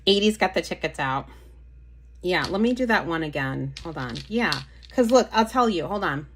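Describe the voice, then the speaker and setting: A woman with a somewhat low voice hosts a relaxed live stream, chatting freely with the people watching. She reads their comments aloud and keeps breaking off mid-thought to fetch things or answer someone. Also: moderate pace, a little hiss or hum. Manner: chatty, easily distracted, talks to viewers and reads comments aloud. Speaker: livestream host showing nail polish. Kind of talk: casual live-stream chat.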